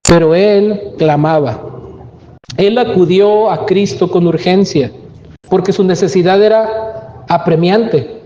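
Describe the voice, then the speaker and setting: A man's voice: high voice, slow pace, warm tone, reverberant, long reverb tail, muffled recording. A man preaching a sermon as pastor, emphatic and full of rhetorical questions. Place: church.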